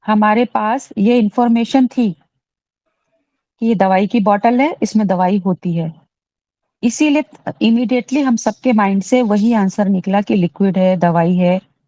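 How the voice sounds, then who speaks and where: Mellow Indian woman, muffled recording. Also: mid-range voice, a little slow, no echo. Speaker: devotee asking questions. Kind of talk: respectful conversational questioning. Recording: dull, muffled lo-fi audio.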